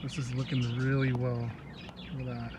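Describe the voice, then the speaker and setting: A medium-pitched male voice, moderately paced and audibly congested, narrates a casual car repair video outside in a yard. He holds his phone while working, chatting in a relaxed way and laughing a lot over faint outdoor noise.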